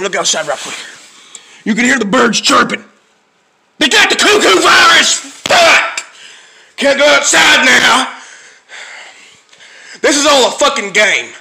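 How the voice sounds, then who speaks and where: Man doing a paranoid conspiracy ranter, very high-pitched, gravelly fry, piercing bright tone, yelling, cursing, rambling, comedy skit. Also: full character voice. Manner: yelling, cursing constantly, rambling and losing his words. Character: furious paranoid conspiracy-minded man, foul-mouthed, easily sidetracked.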